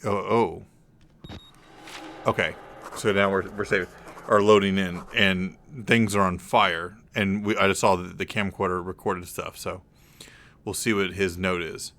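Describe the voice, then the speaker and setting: A man's voice: low voice, steady tone, fairly bright tone. A young man giving casual, rambling commentary while playing a video game, often stopping to correct himself. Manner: rambling, drawn-out, self-correcting. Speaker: let's play gamer.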